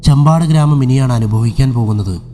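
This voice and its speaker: A man voicing a vengeful female spirit in a horror audio story, speaking slowly and threateningly. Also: medium pitch, dark tone, faint music behind, natural voice. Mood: menacing.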